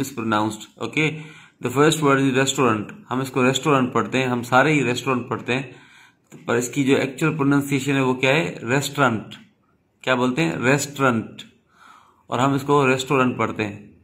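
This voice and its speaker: A man's voice: medium pitch, fairly bright tone. Man teaching English patiently. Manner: explains patiently, mixing English words and asking questions back. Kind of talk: video lesson.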